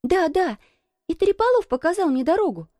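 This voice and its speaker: A woman's voice: very high voice, expressive, a little fast, mellow, no room sound, studio quality, pitched above the performer's own voice. A woman playing a stubborn, outspoken little girl. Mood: insistent. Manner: insistent, indignant.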